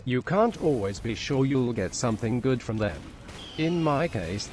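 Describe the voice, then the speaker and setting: Computer-voiced male narrator: text-to-speech, flat machine delivery, faint hiss behind. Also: mid-range voice. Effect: synthetic text-to-speech computer voice. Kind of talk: reading a written story aloud.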